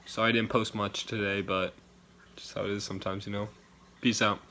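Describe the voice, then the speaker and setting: Laid-back young man, low flat voice. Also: brisk. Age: young adult. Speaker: vlog channel member. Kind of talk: casual vlog. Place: bedroom, indoors. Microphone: phone at arm's length.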